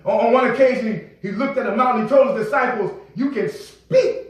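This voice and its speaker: High-voiced preacher in an echoey church. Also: male voice, fast talker. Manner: emphatic, builds to shouting, repeats words, call and response. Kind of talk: sermon. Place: church sanctuary. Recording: echoey hall, from a distance.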